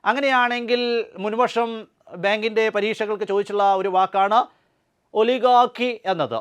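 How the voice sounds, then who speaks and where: Male exam tutor, high and smooth voice, slow careful reading of English examples between brisk explanations. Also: fairly bright tone. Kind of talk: exam answer walkthrough lecture.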